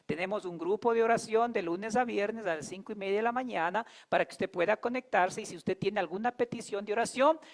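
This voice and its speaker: A man's voice: sits high, a little fast, hardly any pauses. A man preaching a sermon as pastor, emphatic and calling on the congregation to repeat after him.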